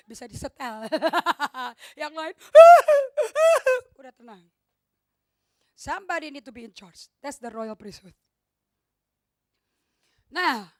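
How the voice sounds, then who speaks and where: A middle-aged woman pastor preaches with force and drops English phrases into her talk. Her voice sits high. The sound is dry and close. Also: fairly bright tone, no echo. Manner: emphatic, switches into English phrases. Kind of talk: sermon. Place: church hall.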